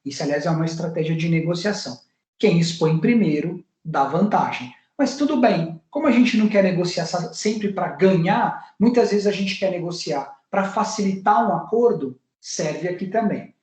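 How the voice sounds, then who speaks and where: Brazilian guy lecturing on negotiating, fairly high voice, echoey room, acts out example lines. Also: lively intonation, moderate pace, a little mellow. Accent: Brazilian Portuguese. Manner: didactic, acts out sample phrases. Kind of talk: university talk on negotiation. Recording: roomy echo.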